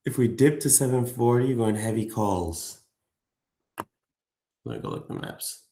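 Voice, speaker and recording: A man's voice: mid-range voice, expressive, slow pace, long pauses, dark tone. A man hosting a live trading stream, chatting loosely with viewers and friends, full of fillers and slang. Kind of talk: casual livestream chat.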